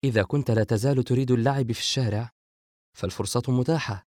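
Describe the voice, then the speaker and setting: A man's voice: medium pitch, fast, a little mellow, no echo, clean studio sound, close to an everyday voice. A man voicing a joking, sarcastic younger brother in an audiobook. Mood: wry. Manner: sarcastic, dismissive. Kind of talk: audiobook character voice.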